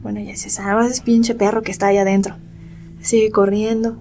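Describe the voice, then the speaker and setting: A woman's voice: mid-range voice, little pitch movement, a little fast, warm tone, slight background noise. A young woman with a Mexican accent chatting on a podcast, animatedly retelling a creepy story in reported speech. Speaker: podcast co-host. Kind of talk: casual storytelling chat.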